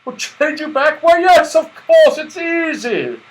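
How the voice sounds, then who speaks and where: A jolly old storybook Santa performed by a male narrator, pitched high and swooping with excitement. He exclaims eagerly, full of booming delight. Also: a little slow, rough recording. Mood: excited, jovial.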